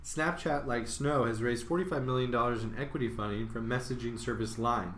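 A man presenting a scripted tech news segment in an even, measured way. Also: mid-range voice, reverberant, a little hiss or hum.

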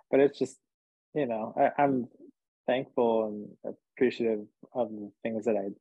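A husky-voiced man from New Jersey talks in a loose, rambling way, joking and filling gaps with fillers. His voice comes through thin and tinny, like a phone line, with no room sound at all. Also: mid-range voice, steady tone, unhurried, no echo. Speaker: musician guest. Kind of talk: casual interview chat.

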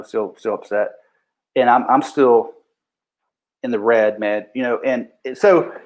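A man's voice: mid-range voice, low-quality recording. Profane, blunt police officer man. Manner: profane, blunt, restarts sentences often; acts out what people said in raised voices. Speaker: police officer recounting a shooting. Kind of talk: casual storytelling.

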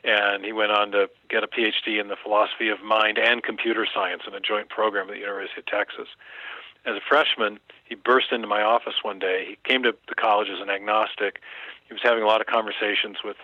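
A man speaking as an interview guest, in a measured, professorial storytelling manner. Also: fairly low pitch, flat delivery, no echo, lo-fi sound. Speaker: guest author. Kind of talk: interview conversation.

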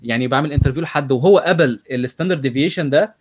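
A man's voice: mid-range voice, rapid-fire, husky. A man with an Egyptian accent in casual conversation, questioning as he goes and dropping English technical terms into his speech. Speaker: conversation partner questioning the analysis. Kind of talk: casual chat.

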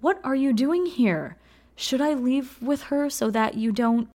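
A woman's voice: high voice, unhurried, darkish tone, voice pushed up. A woman voicing a fellow teacher who is alarmed, firm and caring, within a read-aloud memoir. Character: sympathetic but stern female fellow teacher.

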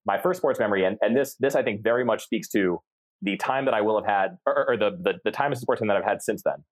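A man's voice: fairly low pitch, fast talker. A man around thirty from central Massachusetts, a podcast guest telling stories in a rambling, casual way with many restarts. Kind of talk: casual conversational storytelling.

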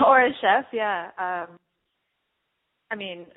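A woman's voice: medium pitch, slow pace. Woman from Turkey, phone-thin interview. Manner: reflective, with frequent fillers and soft laughs. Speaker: artist and guest. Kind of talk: casual interview answers. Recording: narrow phone-like sound.

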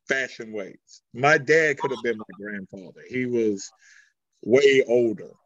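A man who wrestles in a mask, answering interview questions with frequent halting restarts while searching for words. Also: mid-range voice, a bit bright, dry recording, highs cut off. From Greece. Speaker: masked wrestler.

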